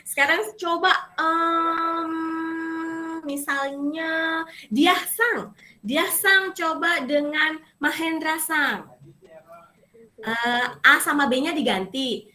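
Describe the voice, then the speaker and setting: Bright-voiced woman teaching a class. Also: high voice, drawn-out words. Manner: lively, corrects and coaches students, switches between Indonesian and Japanese. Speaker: Japanese language teacher. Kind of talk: online class instruction.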